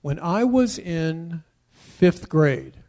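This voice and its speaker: Man preaching a sermon, fairly high voice. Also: lively intonation, extremely slow. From United States. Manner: preacherly, shifts between soft asides and loud declarations; tells personal stories and asks the congregation questions. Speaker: pastor.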